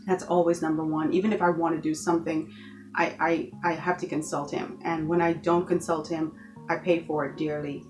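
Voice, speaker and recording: A woman's voice: deep voice, little pitch movement, a little fast, a little mellow, soft background music. A woman from the Bahamas giving an earnest motivational talk in her vlog, encouraging viewers and repeating points for emphasis. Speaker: vlogger.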